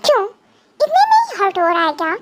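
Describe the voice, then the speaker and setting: A woman's voice: extremely high pitch, wildly swooping pitch, fairly quick, heavy background noise, exaggerated voice. A woman voicing a menacing young male psychopath gang boss in a fan dub drama, taunting and threatening.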